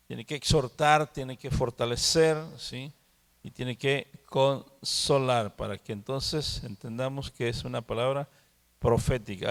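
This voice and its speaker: A man teaching the Bible at a prayer meeting. He talks slowly, repeats words and keeps asking "¿sí?". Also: mid-range voice, in a large hall. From Mexico. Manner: slow, repeats words and asks "¿sí?". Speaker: preacher.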